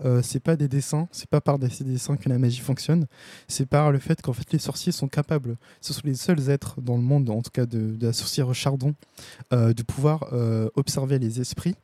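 A man's voice: mid-range voice, dark tone, no room sound. A man hosting a casual live-stream comics review, talking with many fillers and restarts.

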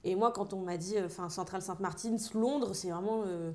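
A young woman from Paris, a designer, chatting in an interview and telling animated stories full of fillers and acted-out lines. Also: medium pitch, brisk. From Paris, France. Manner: lively storyteller, acts out others' lines, many fillers. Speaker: designer guest. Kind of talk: casual interview chat.

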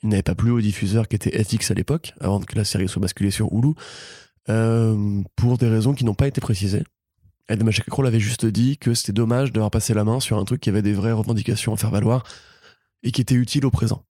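Guy cohosting a pop culture podcast, talks super fast, kinda gravelly, dry close sound. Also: on the low side, fairly even intonation, mellow, no room sound. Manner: rapid, joking, informative. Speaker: podcast co-host.

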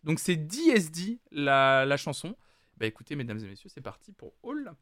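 A man's voice: a little high, sing-song, normal speed, fairly bright tone, no room sound, clean studio sound. A man hosting a live music stream, chatting casually with lots of hesitant fillers. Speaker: streaming music show host.

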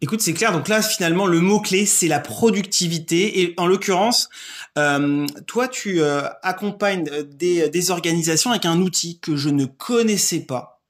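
High-voiced male podcast host. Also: normal speed. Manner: hesitant, many fillers, rephrases questions. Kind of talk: casual podcast interview.

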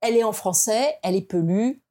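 A French woman appears as a design expert guest in a conversational interview. Her warm voice moves fairly quickly with lively intonation, rising in pitch to stress her points. She's reflective and hesitant, with many fillers and restarts.

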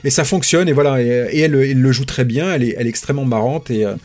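Podcast co-host, male, quick and husky, anecdote-driven film talk. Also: medium pitch, a little mellow. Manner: enthusiastic anecdote-telling. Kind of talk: film discussion.

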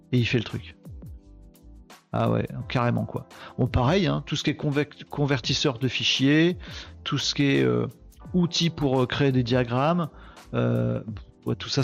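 A male host of a live tech show, talking in a chatty, excitable way and punctuating with quick exclamations. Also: medium pitch, creaky, highs cut off. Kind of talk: casual live commentary.

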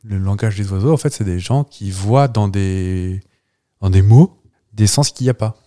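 A man's voice: lowish voice, moderate pace, mellow. A man co-hosting a casual home podcast, playful and teasing, laughing often as he quizzes his co-host. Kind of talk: casual chat.

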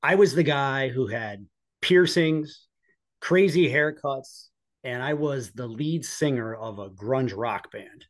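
A police officer and former EMT in his forties, from the northeastern United States, tells personal stories conversationally as a podcast guest. He has an American accent and a medium-pitched voice, and he speaks slowly.

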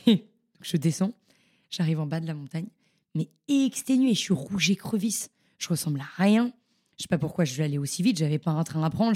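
A young woman, a podcast guest, telling her stories in a casual, animated and slangy way. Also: sits low. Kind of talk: casual storytelling interview.

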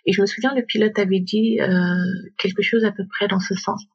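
A woman from Gabon, a coach and guest, tells her story in a casual interview, animated and slipping into quoted voices and English phrases. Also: medium pitch, a little fast, husky. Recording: dull lo-fi remote recording.

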